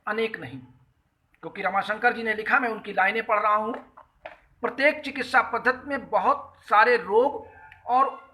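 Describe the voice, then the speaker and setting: A man with a strikingly high, bright and forceful voice, speaking Hindi with an Uttar Pradesh accent. He hosts a live call-in talk, greets callers by name and earnestly explains an article point by point. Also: poor audio. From Uttar Pradesh, India. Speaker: host of a health talk show.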